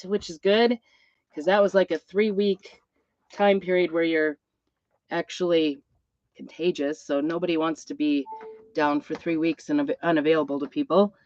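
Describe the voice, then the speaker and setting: A woman's voice: fairly low pitch, moderate pace, fairly bright tone, no room sound. A middle-aged woman who is ill with a cough, chatting casually and ramblingly as host of a live craft stream, with a tin-can sound. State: ill with a cough and plugged ears. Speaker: craft channel host, music teacher. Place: inside an Airstream trailer. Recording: dull, boxy tin-can sound, close and dry.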